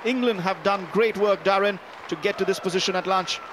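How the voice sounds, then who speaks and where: A male cricket commentator with a high-pitched voice calls the play ball by ball. He is recorded live at the ground, with faint outdoor noise behind him. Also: brisk, crowd noise.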